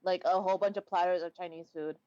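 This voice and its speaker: A woman's voice: fairly low pitch, steady tone, quick pace, warm tone. Rambling, swearing woman on a dull call line. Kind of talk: casual chat.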